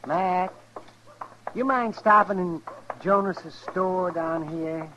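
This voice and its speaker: An actor playing a teasing, folksy frontier doctor in an old radio western. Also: male voice, sits high, slow, full character voice. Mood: teasing, amused. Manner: folksy, animated. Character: teasing, chuckling small-town frontier doctor. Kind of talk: 1950s radio western acting. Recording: dull, noisy old radio recording.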